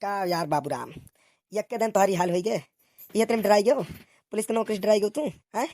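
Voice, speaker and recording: In a comic cartoon, a woman with a mid-range, dark-toned voice plays bickering village policemen, talking a little fast and acting it only lightly. She uses an eastern Uttar Pradesh accent for exclamatory, colloquial, grumbling rustic banter, captured in a dry recording.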